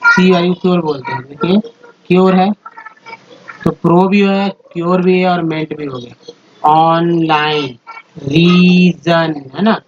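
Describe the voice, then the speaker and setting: A man's voice: high voice, a little slow, pauses often. A man teaching English reading in a slide lesson, explaining sounds step by step and repeating words for his viewers. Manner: repetitive, step-by-step explaining, addresses viewers as friends. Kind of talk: slide-based phonics lesson. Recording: dull lo-fi audio with faint noise.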